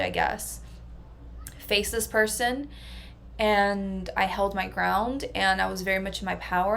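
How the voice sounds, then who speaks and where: A woman's voice: medium pitch, gravelly. A woman personal transformation coach talking through a casual vlog monologue in an earnest, reflective way. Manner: earnest and reflective, level delivery.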